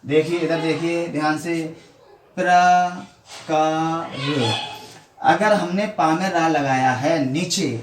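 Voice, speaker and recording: A male teacher gives a classroom-style grammar lesson, explaining slowly, repeating points, and often asking his pupils questions as they mix into his speech. His voice is a little high and steady in tone. The room is echoey, the mic sits at a distance, and there's faint noise.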